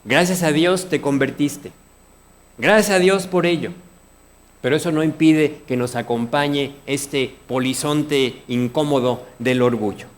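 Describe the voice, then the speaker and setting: A man with a Mexican Spanish accent preaching a sermon, earnest, often asking his congregation questions. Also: medium pitch. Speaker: pastor.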